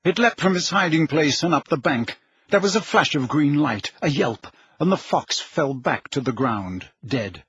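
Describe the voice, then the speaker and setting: A man narrating an audiobook in a measured, dramatic storytelling manner with a husky voice. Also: a little high, lively intonation, fairly bright tone, dry recording. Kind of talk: scripted narration. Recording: dull lo-fi recording.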